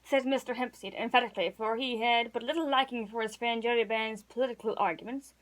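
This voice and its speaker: A woman's voice: on the high side, quick pace, low-quality recording. A woman reading a classic novel aloud, now and then stumbling and correcting words. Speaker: reader.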